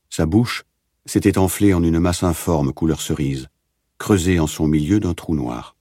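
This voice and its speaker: A man narrating an audiobook in a steady, measured reading. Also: low-pitched, breathy edge, no room sound, studio quality.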